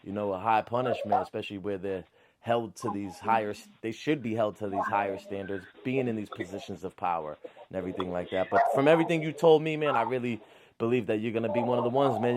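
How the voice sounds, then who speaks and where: Male podcast host, casual and encouraging, clear background noise throughout. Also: mid-range voice. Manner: laid-back, encouraging, says "man" and "bro" often. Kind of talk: casual interview.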